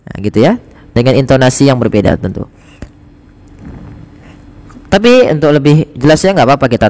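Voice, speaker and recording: Man teaching slowly in an echoey room. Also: medium pitch, a little mellow. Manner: repeats phrases slowly and clearly, then explains casually. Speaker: Arabic teacher. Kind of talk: casual spoken lesson.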